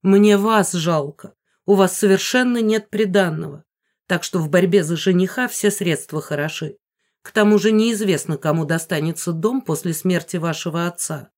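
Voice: medium pitch, moderate pace, a little mellow, close to an everyday voice. A reader voicing a fussy, scheming middle-aged mother bent on marrying off her daughters, theatrical and bossy. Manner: theatrical, bossy, hissing when whispering.

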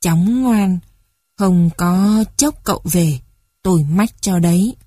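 A woman voicing an old male servant who gently coaxes and scolds a child. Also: on the low side, slow, husky, no echo, clean studio sound. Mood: coaxing. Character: old male family servant, fussy and kindly.

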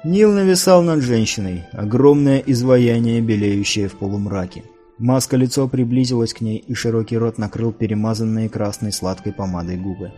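A male audiobook reader narrating a fantasy novel in an even, measured way. His voice is dark and mellow, and soft music plays faintly underneath. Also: on the low side.

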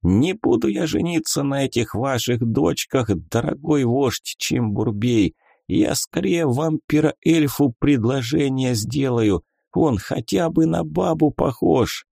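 A man's voice: medium pitch, slow pace, creaky, mellow, no echo, clean studio sound, voice pushed up. A man voicing an old, drunken, cocky male archmage in a storybook, with a boozy, mocking manner. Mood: scornful.

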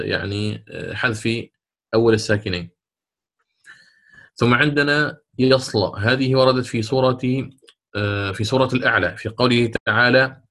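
A man teaching Quran recitation rules. He explains them step by step, drawing out the recited examples slowly and often checking with his students. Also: mid-range voice, fairly bright tone. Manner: slow, drawn-out recitation of examples between plain explanation; asks check questions of students. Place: lesson recorded for an online institute.

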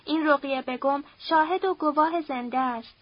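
A woman's voice: high-pitched, dry recording, muffled recording, lightly acted. A woman reading an audiobook, voicing a frightened young man who speaks formally and timidly. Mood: fearful.

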